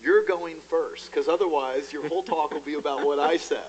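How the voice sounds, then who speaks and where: Joking pastor in friendly banter. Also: male voice, a little high, normal speed, dull audio, over a noisy crowd. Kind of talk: casual conversation.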